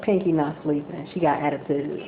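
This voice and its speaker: A woman, a mother, talking softly in repetitive baby talk to her infant for a home video. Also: sits low, fairly even intonation, a little fast. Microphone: camera mic. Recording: tinny lo-fi home video with background noise.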